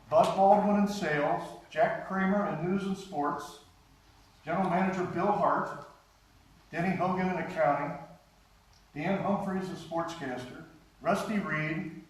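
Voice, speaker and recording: This high-voiced man, a guest speaker with a past as a radio and TV writer, tells stories over slides at a live conference, chuckling a lot and breaking off to begin again. The recording is distant, very echoey, and carries a slight hiss.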